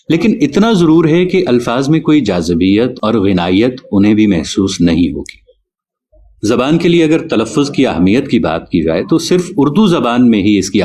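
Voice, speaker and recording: A man teaching a spoken lesson on correct pronunciation, explaining carefully and spelling out sounds slowly. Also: on the low side, a little mellow. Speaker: Urdu teacher.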